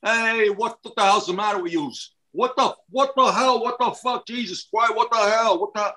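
A man's voice: sits high, moderate pace, sharp tone, pitched above the performer's own voice. A man putting on a brash, exasperated Brooklyn man with a Brooklyn accent.

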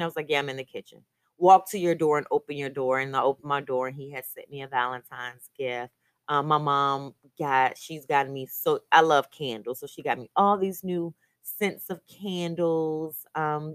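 A woman's voice: low voice, no echo. A woman hosting her own podcast, talking in an upbeat, chatty way. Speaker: podcast host. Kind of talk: casual solo podcast chat.

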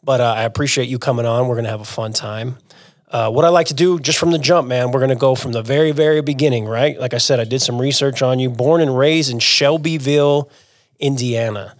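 A man's voice: medium pitch, fairly even intonation, brisk, no room sound, studio quality. An American man hosting a podcast interview, speaking in a slangy, conversational way. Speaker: podcast host. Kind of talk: casual interview chat.

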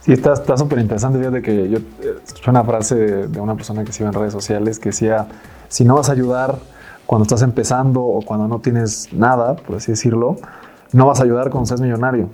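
A man, co-hosting a podcast with calm, even remarks. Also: mid-range voice, fairly quick, faint music behind. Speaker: podcast co-host. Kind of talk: casual interview talk.

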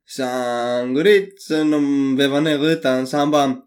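A young man co-hosting a casual podcast. He tells funny stories in an animated way and laughs often. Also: medium pitch. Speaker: podcast co-host. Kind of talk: casual chat, storytelling.

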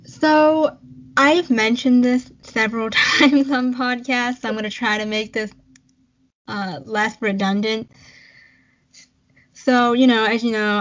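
On a lo-fi recording, a young woman whose first language is Cantonese co-hosts a podcast, chatting casually and telling a personal story while laughing often. Her voice sits on the high side with a fairly bright tone.

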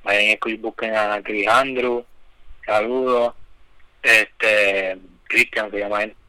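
A man's voice: lowish voice, steady tone, slow pace, pushed and bright, smooth, no room sound, rough recording. A man co-hosting a podcast, chatting loosely with slang and lots of fillers. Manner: laid-back, loose slang, many fillers. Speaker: podcast co-host. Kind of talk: casual chat.

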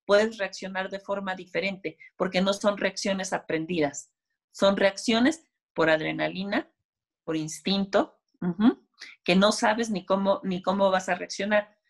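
A woman's voice: medium pitch, steady tone, unhurried. Woman explaining with personal anecdotes. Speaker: guest speaker. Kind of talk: casual conversation.

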